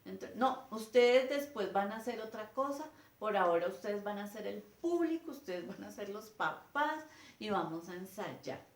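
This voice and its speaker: A woman's voice: mid-range voice, normal speed. A woman teacher, giving a lecture and acting out scenes between a teacher and her pupils. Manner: animated, acts out teacher and children in changing voices. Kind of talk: lecture with acted classroom scenes. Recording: echoey room.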